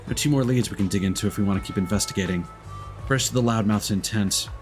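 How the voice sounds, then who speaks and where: With a lowish voice and a fast delivery, a male streamer gives relaxed commentary on a game, reading its dialogue and text in a flat tone and adding his own comments in between. The game's music can be heard behind him.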